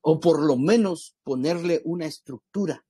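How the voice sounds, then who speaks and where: A man's voice: on the high side, normal speed, warm tone, husky, no room sound. A man giving an informal Bible class, talking conversationally to his listeners as brothers, with frequent restarts and asides. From Guatemala. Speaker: ministry school teacher.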